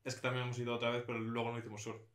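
A man's voice: medium pitch, monotone, rapid-fire, a bit bright, reverberant. A young man co-hosting a casual podcast chat, joking and rambling as he goes. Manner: jokey, rambling, laughs often. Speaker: podcast co-host.

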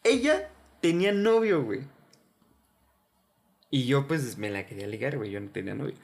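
A man's voice: mid-range voice, big pitch swings, normal speed, creaky. A young man with a Veracruz Mexican Spanish accent, telling a story in slangy, joking casual chat with a friend.

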